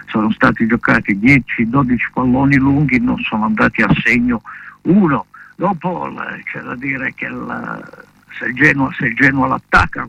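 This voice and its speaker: Male Italian radio pundit, very gravelly and husky, analysing football off the cuff over a lo-fi line. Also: medium pitch, dry recording. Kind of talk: unscripted match analysis.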